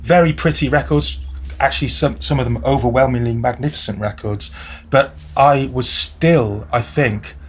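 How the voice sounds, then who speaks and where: A music journalist from South Wales appears as a guest on a casual podcast, talking in a thoughtful, articulate, wry manner. His voice is medium-pitched at a moderate pace, with a little hiss or hum in the background.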